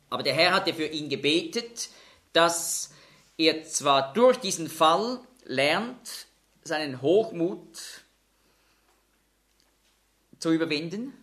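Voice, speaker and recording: A man preaching a Bible-teaching sermon, explaining scripture in a measured way and slowing down to stress quoted words. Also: fairly high pitch, bright, forceful tone.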